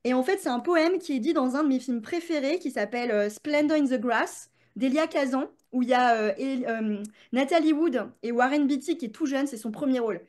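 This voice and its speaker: A woman's voice: sits high, a little fast, few pauses, darkish tone. A woman, a creativity coach, chatting as a podcast guest with many fillers and restarts. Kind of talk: casual podcast interview.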